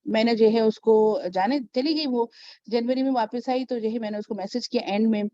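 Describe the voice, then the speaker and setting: A woman's voice: on the high side, moderate pace, warm tone, no room sound. A woman mentoring on network marketing in a casual advice vlog, telling stories in a chatty way, checking in with her listener and acting out the people she talks about. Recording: dull, lo-fi sound.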